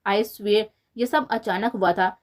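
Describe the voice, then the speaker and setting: A woman's voice: medium pitch, steady tone, natural voice. A woman reading the lines of a young adult son, a police officer, who talks in an apologetic, coaxing way. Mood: pleading.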